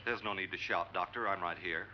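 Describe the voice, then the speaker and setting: A man's voice: low voice, steady tone, fairly quick, natural voice. An actor playing an absent-minded male lab assistant who speaks in a detached, terse way. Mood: distracted. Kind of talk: 1950s film acting. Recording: dull old soundtrack with faint background noise.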